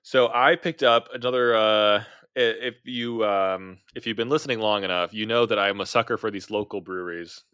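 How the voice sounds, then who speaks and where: A man's voice: lowish voice, fairly even intonation, moderate pace, few pauses, pushed and bright, smooth, no room sound. A man with a Midwestern American accent co-hosting a podcast, chatty and joking. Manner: chatty, rambling, jokey. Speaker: podcast co-host. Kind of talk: casual chat.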